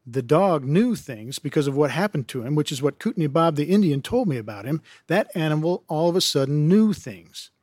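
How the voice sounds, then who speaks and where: A man reading out a rough backwoods talker spinning a superstitious yarn in plain, ungrammatical country speech. His voice sits a little high for a man. The sound is close and dry. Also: darkish tone, no echo. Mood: uneasy yarn. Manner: folksy broken grammar, yarn-spinning. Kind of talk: reading fiction aloud.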